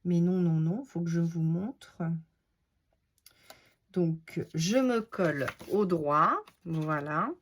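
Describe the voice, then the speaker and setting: A woman's voice: fairly low pitch, slow, long pauses. A woman with a Norman French accent giving a casual crafting tutorial, thinking aloud and muttering to herself as she works. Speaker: crafter showing card-making.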